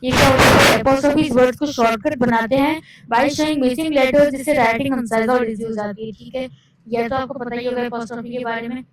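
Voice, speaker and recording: A woman teaching English spelling rules in Hindi. She reads each English rule slowly, then explains it quickly in Hindi, and asks questions that she answers herself. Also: fairly high pitch, slight background noise, poor audio.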